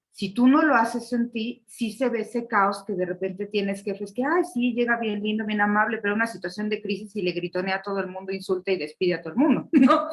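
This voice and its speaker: Recorded with poor audio, a medium-pitched woman speaks in an online leadership session, lecturing in a conversational style. She laughs often and tends to close her points with a questioning tag.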